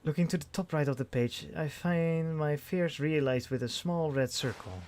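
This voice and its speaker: A man's voice: a little high, moderate pace, darkish tone. A man reading a visual novel aloud in first person, with dry delivery and frequent restarts. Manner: dry narration with restarts and sighs.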